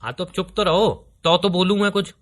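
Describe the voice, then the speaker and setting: Brief: man, slightly high voice, exasperated boyfriend begging to be heard. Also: brisk. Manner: pleading, trying to calm her down. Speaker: boyfriend on a call. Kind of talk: acted couple phone call.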